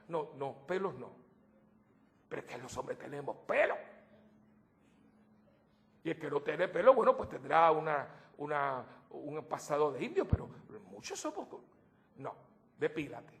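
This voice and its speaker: A priest giving a sermon to his congregation, animated, with joking asides and swings between loud outbursts and soft low remarks.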